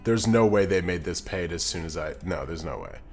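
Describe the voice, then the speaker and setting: Chatty low-voiced male streamer. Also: expressive, a little fast, a little mellow, soft background music. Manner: rambling, chatty, reacts to chat and laughs often; reads chat messages aloud and answers them. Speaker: live streamer. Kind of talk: casual live-stream chat.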